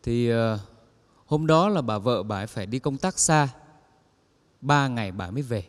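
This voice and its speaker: A man's voice: medium pitch, moderate pace. A man telling funny stories on stage and acting out the people in them. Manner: lively storyteller acting out quoted characters. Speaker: comedian telling jokes on stage. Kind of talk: stand-up joke telling. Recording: long hall reverb.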